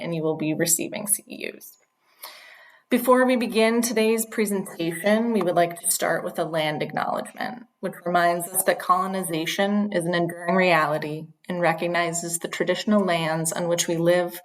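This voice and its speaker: A woman's voice: on the low side, a bit bright, low-quality recording. A woman clinical social worker hosting an online training session, speaking earnestly with frequent ums. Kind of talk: webinar presentation.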